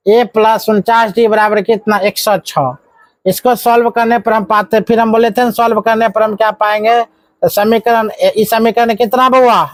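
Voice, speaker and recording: A man's voice: high-pitched, no room sound. A male math teacher, running a live classroom lesson and firing questions at the students, with scolding asides. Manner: coaxing call-and-response, scolding asides.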